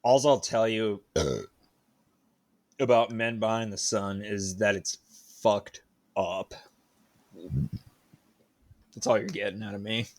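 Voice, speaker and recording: Low-voiced man, wry podcast co-host. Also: steady tone, slow, pauses often. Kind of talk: casual banter.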